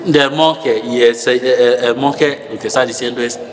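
Slow preacher in an echoey hall. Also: male voice, medium pitch, fairly even intonation, noisy background. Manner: halting, repeats words, rising to emphatic. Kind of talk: sermon. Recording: echoey hall with long reverb.

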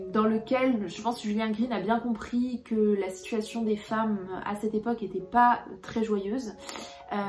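A woman's voice: on the high side, darkish tone, reverberant. A young woman talking casually about books she read, hesitating often with fillers and restarts. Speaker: book vlogger. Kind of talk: casual book review.

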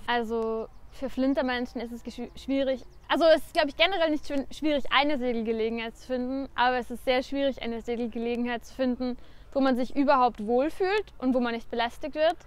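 A woman's voice: high-pitched, brisk, clean tone. A woman speaking casually in an earnest way, stumbling over some words. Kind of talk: casual interview talk.

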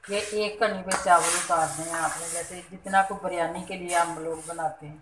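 Middle-aged lady showing a home recipe step by step, lowish voice, echoey kitchen with pots clinking. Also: steady tone, normal speed, very noisy. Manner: homely, explains step by step with religious blessings. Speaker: cooking channel host. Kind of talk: home cooking demonstration. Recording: echoey kitchen, faint clatter. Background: clinking pots and utensils.

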